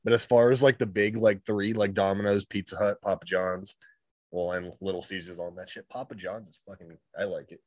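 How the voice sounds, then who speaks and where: A man joins a casual chat with friends and states his views bluntly. His voice is low and the recording is dry and close. He swears freely and is plainly sure of his opinions. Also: fairly even intonation, brisk, no room sound.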